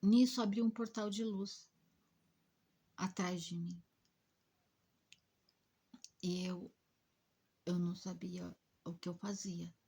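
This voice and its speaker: A woman narrates an emotional spiritual experience, often slipping into a hushed, breathy near-whisper. Her voice sits low and dark, very husky and gravelly, with a mellow warmth. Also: fairly even intonation, takes it slowly, long pauses. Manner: hushed, breathy, dramatic delivery. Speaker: spiritist rescue worker.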